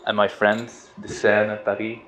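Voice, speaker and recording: On a river boat outdoors, a middle-aged Dutch man leads a casual satsang as a spiritual teacher, his low voice unhurried and easygoing. He hesitates, begins sentences over, and laughs gently at times, captured in a roomy, somewhat dull recording with faint background noise.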